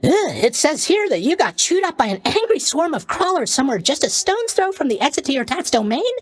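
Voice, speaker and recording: Hypnos, high-pitched chirpy sleep god. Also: male voice, big pitch swings, brisk. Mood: blithely sympathetic. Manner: chatty, chirpy, blithely tactless, mock-sympathetic. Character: cheery, oblivious young male god of sleep. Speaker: video game character voice actor. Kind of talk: video game character voice lines.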